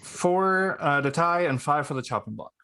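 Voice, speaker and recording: A man moderating a game, making brisk procedural announcements to the players. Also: fairly high pitch, animated, very noisy.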